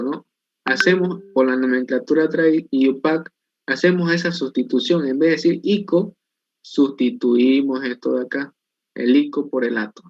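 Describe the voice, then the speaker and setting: A man's voice: on the high side, dry recording. Man teaching step by step. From Bolivia. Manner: explains step by step, asking and answering his own questions. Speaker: chemistry instructor. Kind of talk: online class lecture. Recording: dull, dry lo-fi recording.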